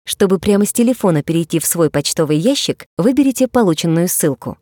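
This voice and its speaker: A woman's voice: fairly low pitch, animated, fast, dark tone, no echo, studio quality. A woman reading scripted announcements in a polished, formal phone menu voice, like a customer-service greeting. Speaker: voice-over announcer for phone menus and adverts.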